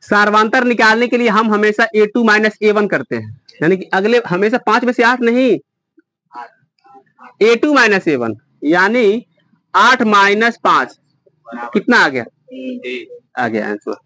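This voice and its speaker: High-voiced male math teacher, dry. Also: lively intonation, a little slow, bright, forceful tone, no echo. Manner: explains step by step, quizzes students. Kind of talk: classroom lesson. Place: classroom.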